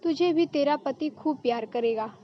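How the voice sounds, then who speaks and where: Woman doing a busy offhand young wife, storybook, high pitch, dull lo-fi recording. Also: normal speed, lightly acted.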